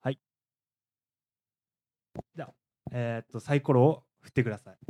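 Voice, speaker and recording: A woman co-hosting a radio show, brisk and agreeable, running the game. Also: a bass voice, warm tone. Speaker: radio co-host. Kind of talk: casual radio chat. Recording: faint background noise.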